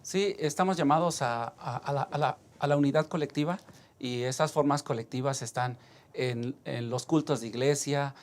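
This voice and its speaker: A man's voice: medium pitch, moderate pace. A pastor with a Mexican Spanish accent, discussing a church lesson, hesitating and restarting as he thinks aloud.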